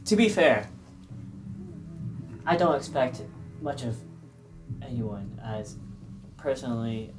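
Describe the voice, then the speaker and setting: A man's voice: medium pitch, expressive, music in the background, low-quality recording. A man voicing an earnest radical idealist. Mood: reflective. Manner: measured, earnest, halting with restarts. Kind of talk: voicing a character in a tabletop game.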